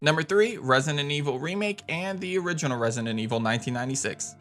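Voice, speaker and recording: A man hosts a gaming countdown video for his channel, narrating in a conversational, opinionated way. His voice is fairly high, animated and fast, with background music underneath.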